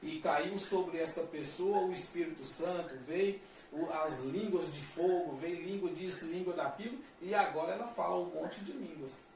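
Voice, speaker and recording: A man's voice: on the high side, moderate pace, creaky, a little mellow. A Brazilian man with a Brazilian Portuguese accent preaching a sermon, emphatic and repetitive, reading verses aloud. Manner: emphatic, repeats phrases, reads verses aloud. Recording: echoey, distant mic, faint noise.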